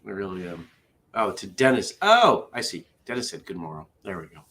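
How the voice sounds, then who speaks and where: A man's voice: low-pitched, very animated, fairly quick, bright, forceful tone. Tired, chatty morning-show host man. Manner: tired, chatty, reads out viewer comments. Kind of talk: casual morning livestream chat.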